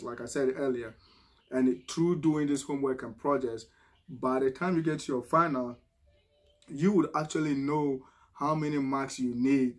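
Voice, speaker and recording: With a mid-range voice that is darkish and slightly rough, a middle-aged man from Ghana gives casual advice straight to the camera in his Ghanaian accent. His vlogging style is conversational: words get repeated, sentences restart, and many end with a questioning "right?"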